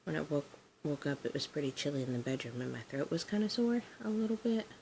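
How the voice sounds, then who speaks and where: A woman's voice: deep voice, lively intonation, quick pace, warm tone, slight background noise, rough recording. A woman vlogging casually at home, rambling and easygoing with lots of fillers. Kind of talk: casual diary-style chat.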